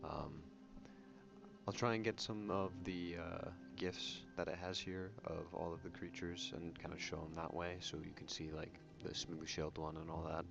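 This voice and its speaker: A YouTube game channel host talks softly in a very low, crackly voice full of vocal fry, doing ASMR-style commentary on a video game without whispering. His delivery is casual and rambling, with frequent self-corrections, a steady tone and a moderate pace. The audio sounds slightly muffled beneath prominent background music.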